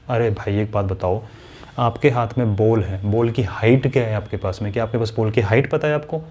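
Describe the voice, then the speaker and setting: A man's voice: mid-range voice, a little mellow. A man teaching a maths lesson in a chatty way, talking straight to his students and acting out their questions. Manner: conversational, addresses students directly, voices their questions. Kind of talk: classroom lesson explanation.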